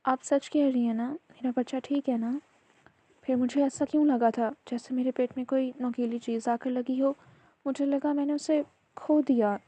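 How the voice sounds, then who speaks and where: A woman's voice: high voice, fairly even intonation, mellow, dry recording. A woman voicing a tearful, stubborn young pregnant wife who pleads and insists. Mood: tearful, pleading.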